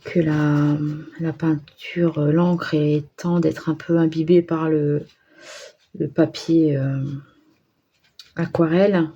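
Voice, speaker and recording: Slow, mellow-voiced woman crafting. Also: sits low, level tone, slightly rough, lo-fi sound. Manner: hesitant, thinking aloud with fillers and self-deprecating asides. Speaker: craft vlogger. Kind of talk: casual crafting commentary.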